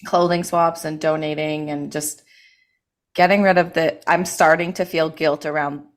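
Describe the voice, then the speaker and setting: A woman's voice: low voice, fairly even intonation, moderate pace. A woman hosting a podcast, talking in a chatty, rambling way full of likes and you knows. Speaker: podcast host. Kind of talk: casual chat.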